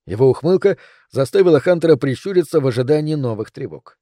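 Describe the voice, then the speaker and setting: A male narrator reads a novel in an even, steady storytelling voice. His tone is dark and mellow, and the recording is dry and close. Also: on the high side, quick pace, no echo. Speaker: audiobook narrator. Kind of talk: scripted narration.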